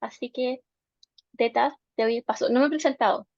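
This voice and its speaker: A woman's voice: fairly high pitch, steady tone, normal speed, creaky, darkish tone, no room sound. A woman from Chile with a Chilean Spanish accent, hosting and opening an online talk with a friendly, informal welcome. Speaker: moderator and host of the talk. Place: home, Punta Arenas. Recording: dull lo-fi video call audio.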